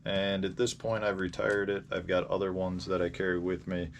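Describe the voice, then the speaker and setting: A fishing-channel vlog host from Indiana, with an American accent and a fairly low voice, chats casually with viewers about fishing gear. His delivery is completely flat, unscripted and a little rambling with pauses, and clear ambient noise sits behind him.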